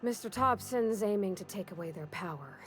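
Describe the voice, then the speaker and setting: A woman's voice: medium pitch, animated, a little fast, fairly bright tone, soft background music, natural voice. A woman voicing a plain-spoken, working-class townswoman in video game dialogue, with a homespun drawl and country grammar. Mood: folksy, wistful.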